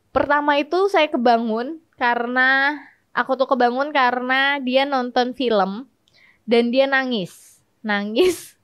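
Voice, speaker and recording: A woman's voice: sits high, a bit bright. A young woman hosting a casual comedic advice talk, chatty and playful, laughing often as she tells stories. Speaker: host.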